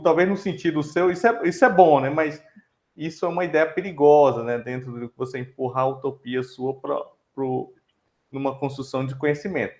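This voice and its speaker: A man with a Brazilian Portuguese accent, an examiner giving critical feedback at a thesis defense, speaking in a measured way full of tag questions and fillers. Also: mid-range voice. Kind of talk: academic critique.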